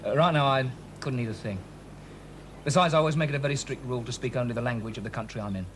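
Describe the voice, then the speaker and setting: An actor playing a breezy but guarded spy with a working-class British accent in a television drama. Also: male voice, mid-range voice, racing, a bit bright, lightly acted. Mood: affable, evasive. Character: breezy, guarded male spy posing as an ordinary Englishman. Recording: vintage TV soundtrack, clear background noise.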